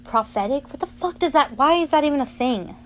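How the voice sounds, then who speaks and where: A young woman co-hosting a casual podcast chat feels tipsy and queasy, laughing a lot, swearing and stumbling as she reads aloud. Her high, expressive voice moves fairly quickly, with slight background noise.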